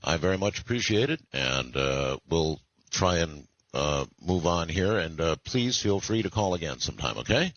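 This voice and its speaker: Deep husky radio host, lively pitch. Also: male voice, no echo. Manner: relaxed, rambling, many "uh" pauses. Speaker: radio talk show host. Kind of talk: late-night call-in radio talk. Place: broadcasting from the Philippines. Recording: dull lo-fi radio broadcast sound.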